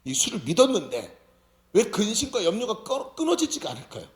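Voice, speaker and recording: Lively high-voiced pastor preaching. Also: male voice, fairly quick. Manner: lively, questions the audience often. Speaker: senior pastor. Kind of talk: sermon. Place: church sanctuary. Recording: roomy church hall.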